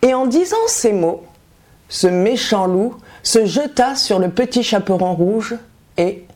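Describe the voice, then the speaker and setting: A woman narrating a fairy tale slowly and carefully for language learners. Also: medium pitch, animated, a little mellow. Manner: slow, careful, clearly articulated. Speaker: storyteller and language teacher. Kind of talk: storybook narration.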